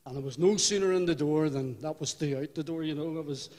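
An older man with a Belfast accent giving a personal testimony in church, unhurried and reflective, with halting restarts. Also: a little high, a little mellow. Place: church hall. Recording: hall reverb.

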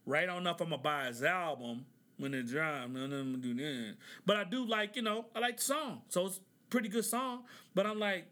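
Podcast host, man from Oklahoma, high and bright voice, loose conversational commentary with "right?" asides. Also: expressive, fairly quick, hardly any pauses. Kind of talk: casual commentary.

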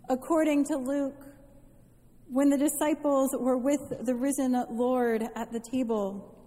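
Slow woman with cathedral echo. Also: on the high side, dark tone. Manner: slow, measured, reverent. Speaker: worship leader. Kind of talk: liturgical prayer and invitation. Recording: long church reverb.

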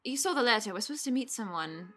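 A woman player at a tabletop game with a high, bright voice. She speaks in a lively, bouncing way, asking eager, polite questions. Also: fast, slightly rough.

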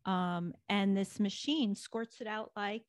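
A woman's voice: medium pitch, slow, no echo, clean studio sound. A woman guest chatting casually and telling long stories. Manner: chatty storyteller. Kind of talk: casual chat.

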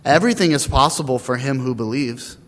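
A man's voice: medium pitch, brisk, a bit bright, close to an everyday voice. A man reading the words of Jesus, a stern, commanding teacher, plainly from scripture, with the long echo of a church around him. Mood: rebuking. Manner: read aloud plainly from scripture.

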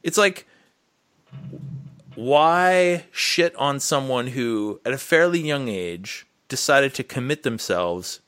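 A man co-hosting a podcast, his pitch swinging widely as he rambles through a point with frequent restarts. He talks in the loose, easy way of a writing teacher chatting with a friend. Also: slow pace, clean tone. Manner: animated, rambling, many restarts. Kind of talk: casual conversation.

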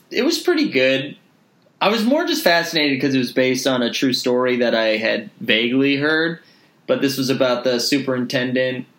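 A man's voice: mid-range voice, fairly bright tone. Chatty man in a roomy space. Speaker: podcast co-host. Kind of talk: casual chat.

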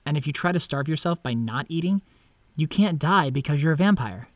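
A man's voice: on the high side, lively intonation, brisk, dry recording, close to an everyday voice. A man playing an awkward, lovelorn young vampire who narrates in a self-deprecating, confiding way. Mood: reluctant, musing. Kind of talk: scripted first-person narration and dialogue.

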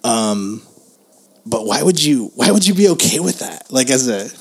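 A man's voice: medium pitch, big pitch swings, normal speed, slightly rough. Slangy, sweary man in casual chat. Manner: profane, slangy, opinionated, often chuckling as he talks.

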